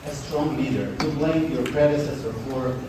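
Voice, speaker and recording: A man reporter asking a press conference question in halting phrasing. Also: a little high, steady tone. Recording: echoey room from far off, background noise.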